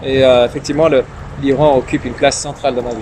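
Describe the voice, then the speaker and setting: A timid young man from Iran, a native Farsi speaker, is a young politician guesting in a casual interview, full of fillers and repeated words. His mid-range voice is warm and level, and he talks fast. The recording carries noisy street and traffic sounds.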